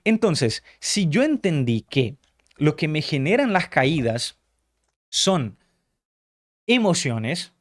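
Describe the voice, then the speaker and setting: Earnest guy coaching at a drawing board, voice a bit high, keeps asking "ok?". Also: sing-song, takes it slowly, pauses often. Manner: earnest, keeps checking understanding with short tag questions; repeats key phrases for emphasis. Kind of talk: teaching talk explained at a drawing board. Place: indoors, drawing as he explains.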